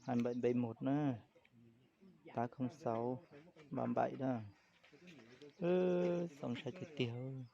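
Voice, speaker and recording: A man's voice: mid-range voice, steady tone, unhurried, creaky, pauses often, mellow. A man talking casually and loosely, rambling from one point to the next. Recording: muffled recording with crowd noise. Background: crowd chatter.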